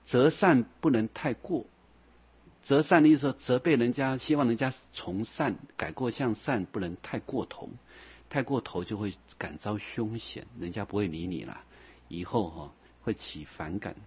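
A man preaches as a Buddhist monk, his husky voice set at a middling pitch. He talks in a folksy way, chuckling and dropping little fillers as he goes. The recording sounds dull and lo-fi. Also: moderate pace. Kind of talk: Buddhist sermon.

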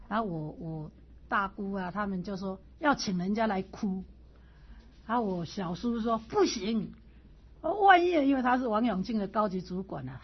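A middle-aged woman teaching as a Buddhist lecturer, telling a family story with lively asides, laughter and frequent questions to her listeners. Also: mid-range voice, slightly rough. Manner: animated, asks listeners "是不是", laughs through anecdotes. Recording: dull lo-fi recording.

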